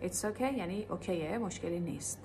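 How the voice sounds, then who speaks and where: A woman English teacher in a casual video lesson. She rattles off explanations quickly, then slows right down to repeat each example phrase for pronunciation practice. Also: fairly low pitch, darkish tone, slight background noise.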